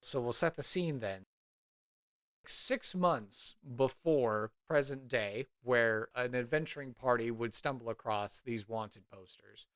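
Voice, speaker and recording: A man narrating a tabletop role-play scene as game master, in a relaxed, rambling way full of fillers. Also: mid-range voice, slow, no room sound, studio quality.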